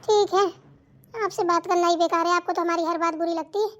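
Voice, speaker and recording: A woman voicing a young, educated daughter-in-law in a cartoon, nagging and preachy, quick to defend herself. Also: very high voice, steady tone. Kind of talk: cartoon voice acting.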